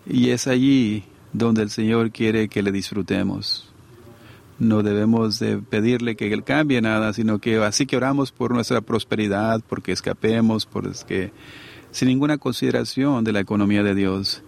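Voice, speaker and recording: A man's voice: on the low side, steady tone, moderate pace, gravelly, darkish tone. A middle-aged man preaching a sermon to a congregation in a conversational way, often asking his listeners to agree.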